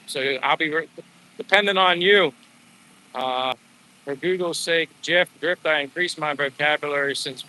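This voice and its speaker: In a rough recording, a man livestreams while walking outside, rambling informally with viewers whom he addresses as bro and dudes. He sounds slightly high-pitched with a sharp tone and a friendly, buddy-like manner.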